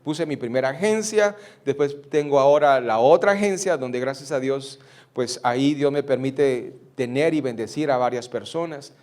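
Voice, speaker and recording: A man's voice: mid-range voice, normal speed, darkish tone. A middle-aged man preaching a sermon, putting rhetorical questions to his congregation. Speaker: pastor.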